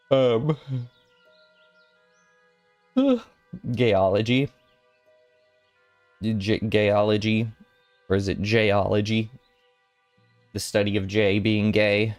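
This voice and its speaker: A man's voice: fairly low pitch, very slow, pauses often, no room sound, faint music behind. A young man in his twenties chatting casually with viewers on a stream, rambling and playful with giggly asides. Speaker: VTuber streamer.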